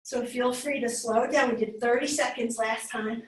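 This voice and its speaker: In a yoga studio, a woman instructor leads a live class with hand weights, cueing each move encouragingly and sounding slightly winded. Her voice is on the high side, steady, at normal speed. The room is echoey and she sounds far off.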